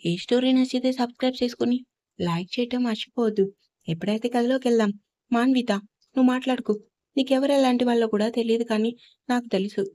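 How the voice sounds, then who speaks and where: A woman's voice: on the high side, fast, dark tone. Woman narrating an audio story.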